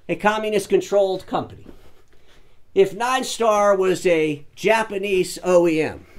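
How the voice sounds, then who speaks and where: A man hosting his own show, giving animated, sarcastic commentary and mocking imagined phone calls. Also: high-pitched. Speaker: show host. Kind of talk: casual commentary to camera.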